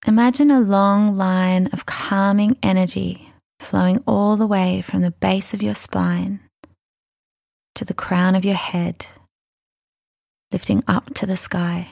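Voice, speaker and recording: A woman guides a mindfulness meditation at a very slow pace. Her voice is soft and soothing, with a gravelly fry and breathy phrase endings. The sound is dry and close, and each gentle instruction is given room. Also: medium pitch, fairly even intonation, no room sound. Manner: soothing, unhurried, gentle instruction with long pauses.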